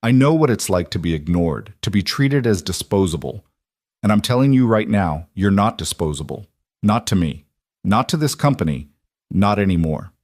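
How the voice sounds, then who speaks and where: A man's voice: on the low side, expressive, moderate pace, a little mellow, no room sound, studio quality. A man voicing a determined single father turned company boss, speaking firmly.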